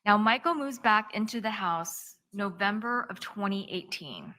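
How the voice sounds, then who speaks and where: A woman defense attorney giving a courtroom opening statement, recounting events step by step in a measured present-tense narration. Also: medium pitch, bright, forceful tone.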